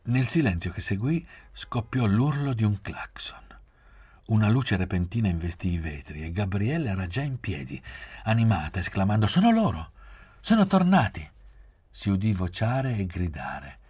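Deep husky male audiobook narrator. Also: animated, normal speed, a little mellow. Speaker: reader.

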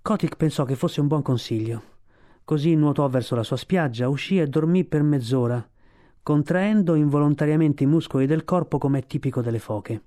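A man reading a storybook aloud for radio, in a steady, expressive storytelling voice. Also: a little high, moderate pace. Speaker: reader.

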